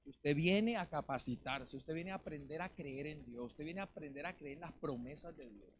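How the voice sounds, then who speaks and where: A man preaching a lively sermon as pastor in a church, calling out questions to the congregation. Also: a little high, moderate pace, a little hiss or hum. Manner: calls out to the congregation, rhetorical questions. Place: church in Valencia, Spain. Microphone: live-streamed service mic.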